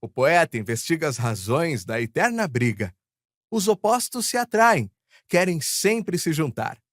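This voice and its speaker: A man recites a rhyming poem with a lilting, expressive delivery. His voice swings widely up and down and sits a bit high for a man. The sound is close and dry, with no room echo. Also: a little slow. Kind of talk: poetry recitation.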